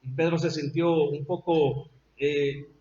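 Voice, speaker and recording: A pastor with a Salvadoran accent preaches a sermon, telling the story emphatically and drawing out repeated phrases. His fairly high, mellow voice is slow and fairly even in intonation, captured in an echoey, dull, lo-fi church recording with a little hiss or hum.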